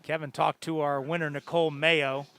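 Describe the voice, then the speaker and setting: A man giving live sports commentary on a track meet, measured and informative, pausing between facts. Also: a little high, level tone, fairly bright tone.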